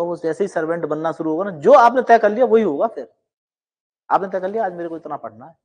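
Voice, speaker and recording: A middle-aged man coaching law exam students with an earnest, emphatic motivational talk that swings between emphatic rises and quiet asides. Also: on the high side.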